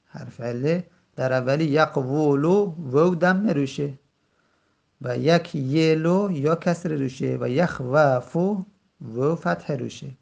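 Man, grammar lesson, slightly high voice, gravelly, drawn-out examples. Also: a little mellow, highs cut off. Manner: stretches out the example words slowly, then explains in quick asides. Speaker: teacher.

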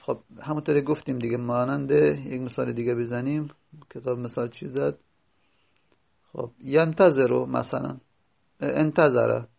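A man teaching a grammar lesson, explaining step by step and slowly repeating each word form as he goes. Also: medium pitch, vocal fry, a little mellow. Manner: reads out lines of a textbook before explaining them.

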